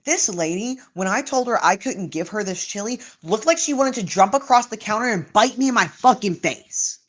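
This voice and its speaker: A woman's voice: medium pitch, expressive, normal speed. Exasperated, swearing woman telling a story. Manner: profane, exasperated, lots of "like" and "literally". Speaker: storyteller recounting a restaurant shift. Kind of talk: casual storytime.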